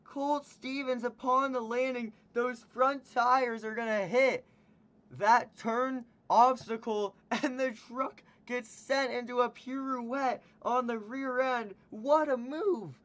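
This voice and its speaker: This monster truck show announcer has a fairly bright tone and fairly even intonation. He delivers hyped arena-style commentary with booming, drawn-out calls while losing his voice.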